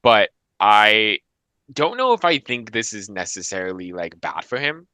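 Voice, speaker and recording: A man with a bright, forceful voice and a fairly low pitch gives his opinions on a reality show in relaxed podcast chat. He hedges a lot and stumbles over restarts. The sound is dry and close. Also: measured pace, smooth, no room sound. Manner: hesitant, restarts often, hedging opinions. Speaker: podcast co-host. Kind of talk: casual chat reviewing reality TV.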